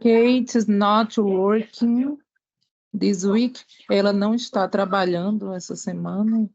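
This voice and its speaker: A woman's voice: medium pitch, fairly even intonation, slow pace, creaky, a little mellow, muffled recording. A woman student in an online class, hesitantly reading English sentences and translating them. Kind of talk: answering in class.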